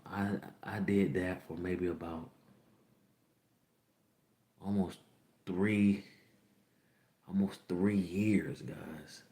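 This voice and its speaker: Speaking to his livestream audience, a twenty-something man who hosts a podcast shares a frank personal story, wandering off track and saying lines more than once. He has a low, warm voice, and the sound is roomy.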